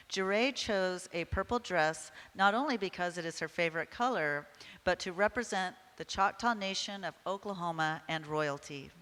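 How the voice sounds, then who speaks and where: A woman's voice: on the low side, a bit bright. A woman announcing pageant contestants, reading prepared introductions formally. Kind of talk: scripted announcing. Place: event hall. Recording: reverberant hall over PA.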